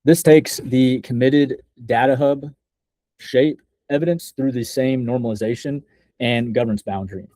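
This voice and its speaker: Young man, soft mellow tone, dry close sound, measured demo narration, slightly halting. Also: medium pitch, no echo, low-quality recording. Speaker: software developer presenting a project.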